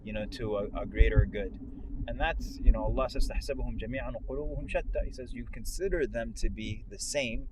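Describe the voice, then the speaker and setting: A medium-pitched man's voice races along inside a moving car, the in-car recording full of clear vehicle noise. He's a co-host and speaker on a ride-along talk show, explaining his points in a casual, reflective religious discussion and building them through repeated phrases.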